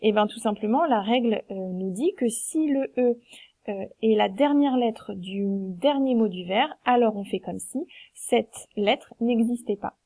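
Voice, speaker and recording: Woman teacher, fairly high, warm tone, patient and methodical, lesson voice-over. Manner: patient, counts syllables slowly aloud. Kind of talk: explaining a lesson on screen.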